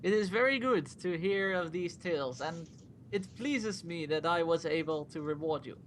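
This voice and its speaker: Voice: medium pitch, expressive, moderate pace, a little hiss or hum, natural voice. A game master voicing a formal, courteous male prince in a tabletop game, with stately phrasing.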